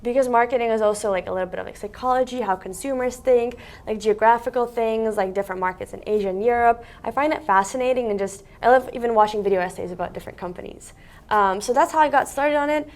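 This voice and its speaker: A woman's voice: a little high, quick pace. Chatty young woman from Russia. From Siberia, Russia. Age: young adult. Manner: chatty, lots of "like" fillers. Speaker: guest, content creator. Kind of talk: casual interview talk. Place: office meeting room by large windows.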